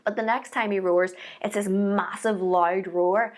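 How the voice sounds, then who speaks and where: A woman's voice: medium pitch, steady tone, measured pace. A woman giving a short devotional sermon in an earnest, encouraging, conversational teaching manner. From Ireland. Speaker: speaker giving a devotional message.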